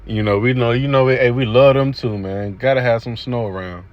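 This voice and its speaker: Over video clips, a man offers casual religious commentary in a laid-back, repetitive way, leaning on fillers and saying "you know what I'm saying" again and again. His voice is mid-range with fairly even intonation and a moderate pace, and the audio sounds dull.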